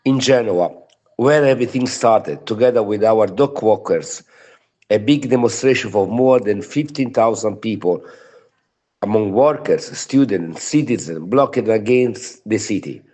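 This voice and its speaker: Low-voiced Italian man speaking broken English. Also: lively intonation, a little slow, mellow. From Italy. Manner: broken, non-native English. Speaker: trade unionist. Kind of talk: prepared political solidarity statement.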